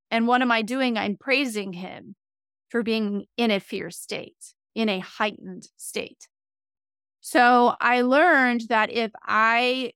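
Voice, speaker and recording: Calm, clear-voiced woman giving advice. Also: fairly high pitch, dry recording, studio quality. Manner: calm, explanatory, advising. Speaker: animal communicator. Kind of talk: podcast conversation.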